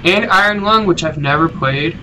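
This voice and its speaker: A man's voice: high voice, normal speed, sharp tone, a little hiss or hum. A man giving casual gameplay commentary as a gaming channel host, rambling and often correcting himself as he talks. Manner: rambling, self-correcting, chatty.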